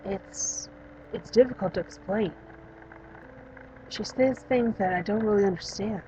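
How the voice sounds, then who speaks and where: Woman doing a shy, halting girl patient. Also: medium pitch, a little hiss or hum, lightly acted, poor audio. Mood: hesitant. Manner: soft, hesitant, halting. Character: shy young girl hospital patient, withdrawn.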